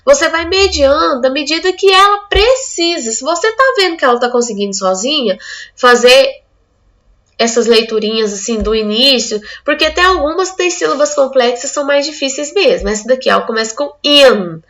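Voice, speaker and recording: Woman teacher from Brazil, high voice, bright tone, step-by-step explanations. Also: lively intonation, normal speed. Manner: explaining step by step, acting out the child's answers. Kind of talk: online literacy lesson.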